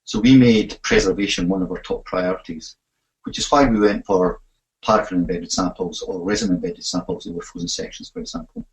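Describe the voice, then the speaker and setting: A man's voice: low voice, very animated, a little fast, gravelly, poor audio. A man with a broad Scottish accent giving a technical webinar presentation, talking with frequent fillers and self-corrections. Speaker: imaging facility manager presenting a webinar.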